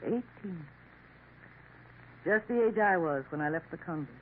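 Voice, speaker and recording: A woman with a fairly low pitch and lively intonation speaks a little slowly as a scheming, worldly Parisian café woman in 1950s radio drama. Her sly, knowing coaxing comes with French endearments. The recording is a tinny old broadcast with faint hiss.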